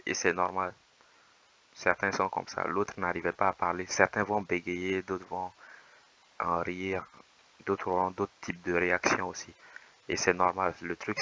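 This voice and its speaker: As a dating coach commenting on footage, a man gives calm, patient voice-over advice in a measured, reassuring, explanatory way. His voice is low, creaky and fairly monotone, yet bright and edgy in tone, and the recording sounds a little dull and lo-fi.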